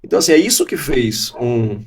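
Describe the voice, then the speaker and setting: A Brazilian law professor from Bahia in his forties, appearing as an interview guest, reflects on his career in a conversational style, often restarting his sentences. His accent mixes Bahian and Gaúcho Portuguese, and his mid-range voice is expressive, brisk, a little mellow and breathy-edged.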